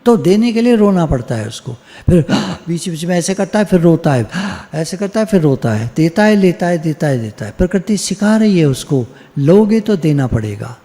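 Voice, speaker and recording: An older man speaks as a spiritual teacher in a relaxed, conversational devotional talk, his voice mellow yet pitched a little high. He drives points home by repeating phrases. A long, hall-like reverb trails behind every word. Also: normal speed, few pauses. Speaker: spiritual teacher leading satsang. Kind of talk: informal devotional talk at an online meeting.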